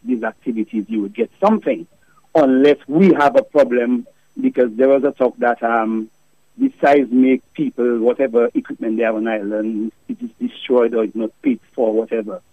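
A man's voice: mid-range voice, fairly quick, dry recording. A man leaving a recorded voice message for a radio show, delivering a rambling, preachy religious monologue with fervent emphasis. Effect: recorded voice message played on air. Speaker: listener sending a voice note to a radio show. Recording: dull lo-fi dry voice memo.

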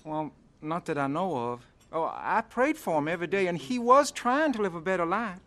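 An actor playing an eager, earnest, devout teenage son with boyish, folksy exclamations in a radio drama. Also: male voice, sits high, expressive, normal speed, bright, forceful tone. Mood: grieving.

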